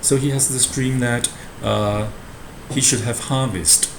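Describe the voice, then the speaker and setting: A man's voice: mid-range voice, fairly even intonation, unhurried. A man lecturing like a professor to students, explaining a play text and often adding short tag questions. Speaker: university lecturer teaching a Shakespeare class. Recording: roomy echo with clear background noise.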